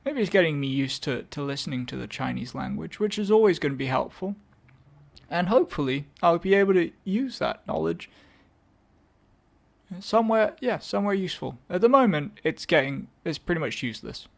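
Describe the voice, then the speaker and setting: Between tracks, this young podcast host from England talks casually to his audience, introducing songs on his own. He has an English accent and a slightly high, gravelly voice with lively intonation and a fairly quick pace. Mid-sentence he keeps correcting himself, adding dry jokes at his own expense.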